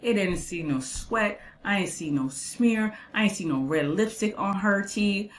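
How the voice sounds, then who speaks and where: A woman's voice: mid-range voice, expressive, a little slow, roomy sound, slight background noise, poor audio. A woman giving casual commentary on a clip, chatty, quizzing the viewer and listing traits.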